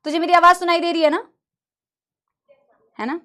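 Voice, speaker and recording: A woman's voice: extremely high pitch, steady tone, normal speed, sharp tone. A woman teacher talking casually and fondly to her students in a live online class, speaking through a laptop. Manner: chatty, addresses students fondly.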